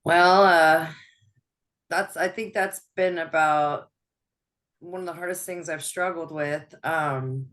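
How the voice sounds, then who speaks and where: A woman's voice: low-pitched, fairly even intonation, slow. A woman being interviewed as a guest, talking openly about her life, laughing often and restarting her sentences. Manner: open, laughs often, soft-spoken with frequent restarts. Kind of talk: personal interview.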